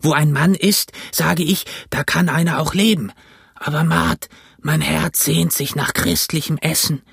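A man voicing a ragged, marooned old sailor in a storybook reading, with a hoarse, croaky, pleading voice. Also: a little high, a little slow, fairly bright tone, no echo, clean studio sound, pitched above the performer's own voice, exaggerated voice. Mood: wheedling. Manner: raised, pleading and wheedling.

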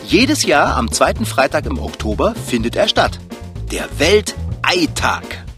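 A man's voice: a little high, big pitch swings, unhurried, over music. A man reading a scripted, upbeat explainer segment as narrator.

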